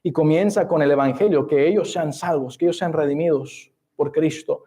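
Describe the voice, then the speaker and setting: High-voiced, mellow-toned male preacher. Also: moderate pace. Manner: preaching with rising emphasis, quoting scripture in older formal Spanish. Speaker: pastor. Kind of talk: sermon. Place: church sanctuary.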